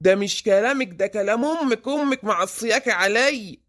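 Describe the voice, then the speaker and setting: A woman's voice: a little high, expressive, brisk, a bit bright. A woman voicing a stingy, grumbling middle-aged husband in an Egyptian cartoon, with an Egyptian accent and a scolding, exasperated way of talking. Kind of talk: cartoon voice acting.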